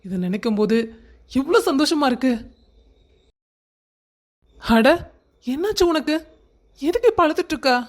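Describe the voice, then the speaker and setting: A man's voice: very high-pitched, big pitch swings, normal speed, long pauses. A performer voicing a loving young husband who soothes his wife. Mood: soothing. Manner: soothing, affectionate.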